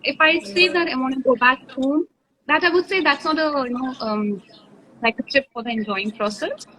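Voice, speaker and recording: A woman's voice: high voice, moderate pace, sharp tone, poor audio. A woman, an aviation trainer chatting as a guest on a live stream, often laughing as she tells stories. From India. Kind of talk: casual live-stream chat.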